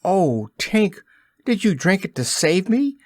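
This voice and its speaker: Guy doing a cocky little boy voice, raised up high, eager and bold. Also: sing-song, takes it slowly, darkish tone, no room sound, clean studio sound, full character voice. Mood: anxious. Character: proud, brave boy who never grows up. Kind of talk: audiobook character voice.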